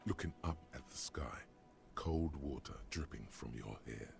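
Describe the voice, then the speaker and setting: A grave inner voice of a detective game, dropping each line slowly in a very low register. His tone is rough and gravelly, with a steady gloom. Game music plays clearly behind him. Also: full character voice. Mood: brooding. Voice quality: deep, gravelly, measured. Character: grave male narrator, the hero's inner voice. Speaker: game narrator. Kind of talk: scripted game narration.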